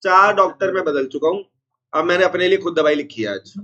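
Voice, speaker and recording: A man teaching an accounts class, unwell with a strained chest, repeating formulas slowly and scolding noisy students. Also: high-pitched, animated, lo-fi sound, over a noisy crowd. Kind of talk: classroom lecture.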